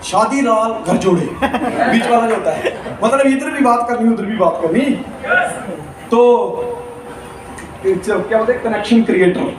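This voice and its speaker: A man's voice: very high-pitched, a little slow, long pauses. A man giving a live motivational seminar, telling humorous stories and acting out characters with animation. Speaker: motivational speaker. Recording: echoey hall, distant mic, crowd noise.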